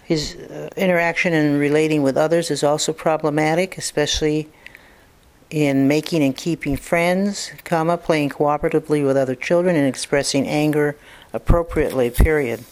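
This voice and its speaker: A clinician dictating a report, speaking punctuation marks aloud and spelling out names, steady and matter-of-fact with occasional fillers. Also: mid-range voice, normal speed, low-quality recording.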